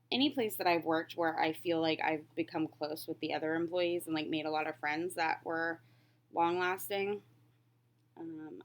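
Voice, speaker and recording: A crafting vlogger in her late twenties answers questions while stitching, her voice slightly low. She chats casually, meandering through her answers in a candid, reflective way.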